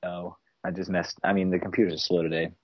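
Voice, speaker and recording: Laid-back low-voiced man on a dull line. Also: flat delivery, brisk, slightly rough, dry recording. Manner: laid-back, laughs easily, agreeable. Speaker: podcast co-host. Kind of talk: casual movie-review podcast chat.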